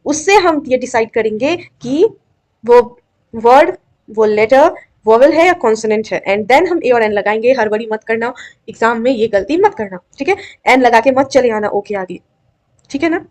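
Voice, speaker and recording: A woman's voice: on the high side, lively intonation, normal speed, a little mellow. A young woman teaching an exam-prep grammar lesson, coaxing and checking often that students follow. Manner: coaxing, repeatedly checks understanding.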